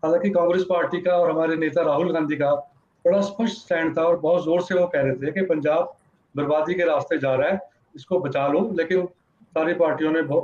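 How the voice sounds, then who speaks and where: A high-voiced man argues his party's line in a televised debate, choosing his words slowly and with fillers. His remote feed sounds roomy and muffled. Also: a little mellow. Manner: measured, hesitant, with fillers. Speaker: Congress party spokesperson, debate panelist. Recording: echoey dull remote audio with faint noise.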